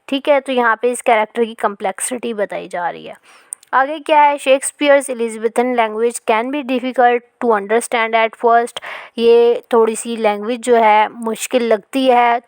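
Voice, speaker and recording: A woman teaching a literature lesson. She explains in Hindi, reads English passages slowly, and often checks in with "ठीक है". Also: a little high, smooth, no echo.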